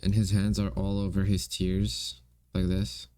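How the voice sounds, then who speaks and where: A man's voice: deep voice, monotone, measured pace, dark tone, clean tone, dry recording. A young man streaming, chatting casually and playfully to himself and his viewers while gaming and drawing. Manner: playful, rambling, talks to himself and chat.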